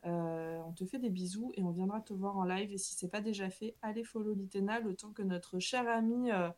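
A woman's voice: mid-range voice, fairly even intonation, fairly quick, darkish tone. A woman hosting a casual live stream, playful and teasing with her co-hosts. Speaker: stream host.

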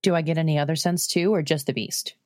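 A woman's voice: sits low, steady tone, quick pace, no echo, studio quality. A woman playing in a tabletop role-playing game, casually narrating what her character does.

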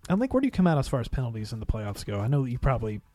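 A man's voice: medium pitch, big pitch swings, racing, warm tone, dry recording, soft background music. A man co-hosting a casual sports podcast, conversational, with trailing sentences. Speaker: podcast co-host.

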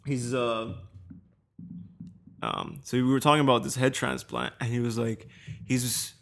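A young man in casual chat, swearing freely and telling animated stories. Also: medium pitch, measured pace, creaky.

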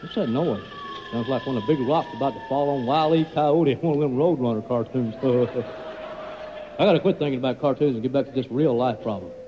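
An actor playing a befuddled small-town sheriff who muses slowly to himself in a radio comedy. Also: male voice, mid-range voice, dull audio, noisy background, close to an everyday voice. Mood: bemused. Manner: slow, bemused musing.

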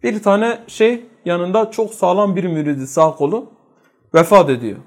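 Brief: male religious teacher, high voice, rhetorical questions to the room, swings between loud and hushed. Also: moderate pace. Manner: quizzes listeners with rhetorical questions. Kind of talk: religious study lesson.

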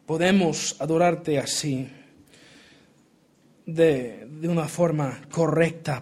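Delivering a sermon with Bible reading and prayer, this young man speaks Spanish with traces of Portuguese and American English from his upbringing in Portugal. The voice is fairly high, somewhat mellow and a touch breathy, and his earnest delivery is full of restarts.

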